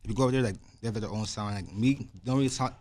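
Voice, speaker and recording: A man's voice: fairly low pitch, steady tone, racing, a little mellow. A young man from Toronto, a rapper guest, talking in a rambling way with lots of fillers. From Toronto, Canada. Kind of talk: casual interview.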